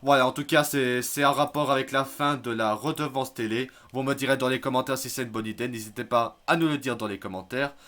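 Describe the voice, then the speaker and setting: A man giving casual spoken commentary on news articles, hesitant, filling pauses and restarting his sentences. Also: medium pitch, fairly even intonation, fairly bright tone. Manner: hesitant, many fillers and restarts, admits stumbling over words. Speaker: YouTube news vlogger.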